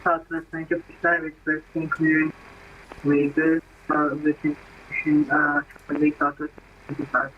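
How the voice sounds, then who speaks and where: A man making halting radio calls as a pilot, his mic cutting out so his volume jumps up and down, with lots of ums and uhs. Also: on the high side, completely flat delivery. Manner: hesitant, full of fillers. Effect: mic cutting out, uneven volume. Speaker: pilot on a flight-sim radio network. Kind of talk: halting radio calls to air traffic control. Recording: muffled radio transmission, faint static.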